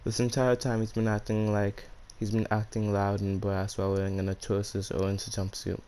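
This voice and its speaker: A man's voice: fairly low pitch, completely flat delivery, moderate pace, warm tone, clear, resonant tone. A man with a speech impediment that turns his R's into W's, hosting and narrating fan fiction in a casual, slangy way. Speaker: YouTube storyteller and channel host.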